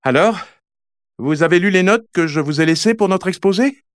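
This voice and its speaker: A man's voice: sits high, animated, normal speed, dry recording, studio quality, voice pushed up. A man doing a bossy, prim schoolgirl. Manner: bossy, lecturing.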